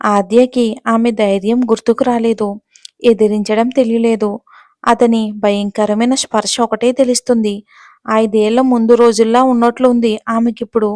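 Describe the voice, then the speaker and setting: A woman narrating a romance audio story as a steady, dramatic storyteller. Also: a little high, moderate pace, dry recording, studio quality. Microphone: close mic, dry sound.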